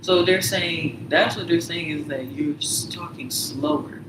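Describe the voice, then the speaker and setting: A man with a slightly high voice tells a story in casual conversation, talking a little slowly, rambling with lots of fillers and sometimes dropping to a whisper. The mic is distant, the sound roomy, and the background noisy.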